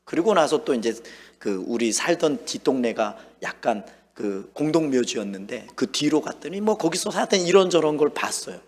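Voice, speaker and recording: Man, pastor, sermon, lively pitch, husky, echoing sanctuary. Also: normal speed. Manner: storytelling, acting out his own lines and shouts. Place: church sanctuary. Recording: long hall reverb.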